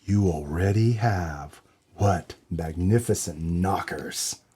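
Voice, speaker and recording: A man's voice: deep voice, slow, dark tone, husky, full character voice. A man playing a brash, dim hard-boiled noir detective in a comedic audio drama, with a tough-guy delivery. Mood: smarmy.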